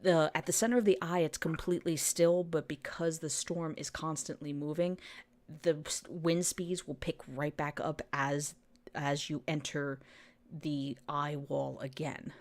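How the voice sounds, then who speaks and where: Low-voiced woman giving storm tips. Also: steady tone, unhurried, darkish tone. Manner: informative, stumbling restarts. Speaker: podcast co-host. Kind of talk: casual podcast chat.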